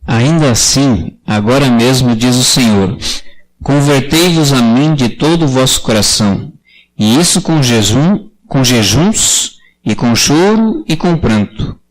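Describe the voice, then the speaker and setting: A man in a church congregation reading a Bible passage aloud, slowly and steadily. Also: medium pitch, expressive, rough recording. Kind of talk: slow scripture reading aloud. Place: church prayer meeting.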